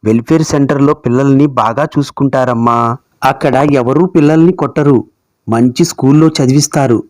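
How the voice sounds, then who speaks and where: A man voicing an elderly grandmother who talks to her grandson in a soft, coaxing way. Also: medium pitch, normal speed, no echo, clean studio sound, natural voice. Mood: soothing. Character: caring elderly grandmother, gentle and soothing.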